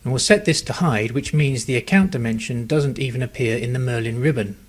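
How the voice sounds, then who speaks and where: A man with a mid-range voice narrates a scripted software tutorial, measured and step by step.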